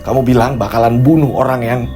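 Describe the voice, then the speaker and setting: A man voicing a grim young man who mutters low and flat. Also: quick pace, soft background music, natural voice. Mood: bitter.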